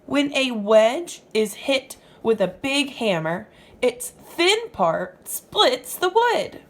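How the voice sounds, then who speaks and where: Here a woman uses a high-pitched, sing-song voice and a slow pace to read to young kids. In an instructive, teacherly way, she explains the text and poses questions to the listener.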